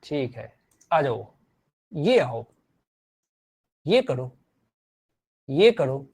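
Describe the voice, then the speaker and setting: A man's voice: medium pitch, big pitch swings, drawn-out words, a little mellow, breathy edge. A man teaching physics in a live online class, repeating phrases and encouraging his students.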